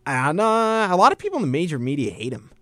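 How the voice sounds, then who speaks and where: A young man hosting a college radio sports talk show, relaxed and casual, often dropping "man" and "dude". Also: on the high side, fast talker, dry recording, studio quality.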